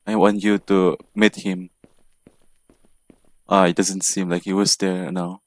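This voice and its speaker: Male gamer, very low voice, playful let's-play banter to a sidekick character. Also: level tone, slow, dry recording. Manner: jokey, chats to an in-game companion. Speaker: gamer playing a horror game.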